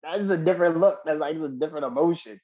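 A man co-hosting a podcast in casual chat, profane and quick to laugh. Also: fairly high pitch, muffled recording. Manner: profane, laughs a lot, animated when heated. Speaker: podcast co-host.

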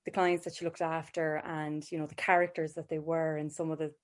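A woman's voice: sits low, flat delivery, fairly quick. A woman with a west of Ireland accent chatting casually and informally as an interview guest, telling personal anecdotes in a self-deprecating way. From County Galway, west of Ireland. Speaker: podcast guest, mental health clinician.

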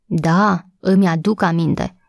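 A slow, grumbling old man who answers testily and without hurry, played by a woman reading aloud. His lines come lower and more drawn out than the rest of the reading. The recording is close and dry. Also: steady tone, vocal fry, dry recording. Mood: grumpy. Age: older. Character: grumpy old stable hand, slow and dry. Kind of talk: audiobook character voice.

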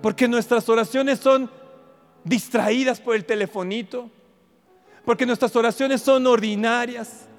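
A man preaching a fervent sermon at a conference, repeating phrases and bursting into shouts. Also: very high voice, fairly even intonation, unhurried. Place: large hall at a conference. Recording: reverberant hall with background music.

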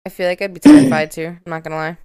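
A young woman co-hosts a casual podcast chat with a lively, bouncing voice. She laughs often and talks in an animated way. The sound is dry and close to the mic. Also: fairly low pitch, quick pace, smooth, dry recording. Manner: animated, laughs often, shrieks when amused. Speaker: podcast co-host.

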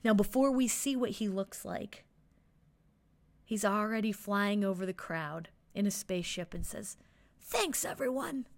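A woman narrating a playful picture story in an animated, storytelling way. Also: medium pitch, measured pace, no echo. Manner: animated, making up a story as she describes pictures. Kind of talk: playful read-aloud storytelling.

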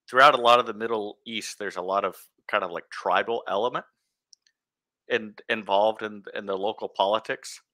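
A man's voice: lowish voice, bright, forceful tone, dry recording. A man chatting about politics in a loose, casual way, hedging his points.

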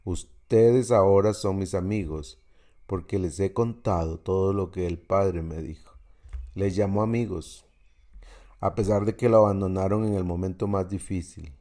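A man's voice: low voice, fairly even intonation, measured pace, warm tone. A man giving an earnest devotional sermon, telling a story and reading scripture in a reflective way. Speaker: preacher.

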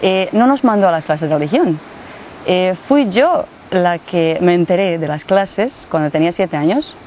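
A woman in her forties from Bosnia and Herzegovina, not a native speaker, telling her story in an interview with many fillers and pauses. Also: fairly low pitch. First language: Croatian. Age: 40s. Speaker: guest, translator and guide. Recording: muffled with faint noise.

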